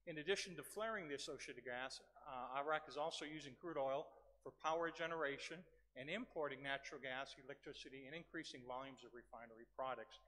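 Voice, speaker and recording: A man delivers a podium speech at a conference in a mid-pitched voice. He presents formally and slips in modest, informal asides as he goes. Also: brisk, few pauses, a bit bright, poor audio. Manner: informal asides, self-deprecating. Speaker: conference speaker. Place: large conference venue, speaking from a podium.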